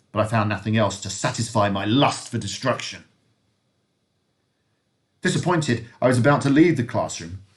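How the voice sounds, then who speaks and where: A male teacher reading a novel aloud to his class, expressive and lively, with occasional slips. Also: medium pitch.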